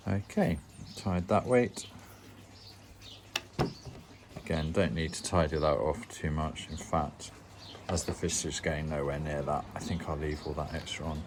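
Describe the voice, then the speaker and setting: A man with a very low voice walks through tying a fishing rig step by step, plain and explanatory, with a dry, self-mocking wit. Faint birdsong chirps in the background. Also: normal speed, noisy background. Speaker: angling channel host.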